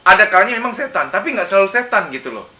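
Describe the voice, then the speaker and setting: High, bright-voiced male psychology lecturer. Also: very fast. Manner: animated, acts out examples with sudden loud outbursts. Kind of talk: lecture in casual conversational register. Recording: echoey room, mic at a distance.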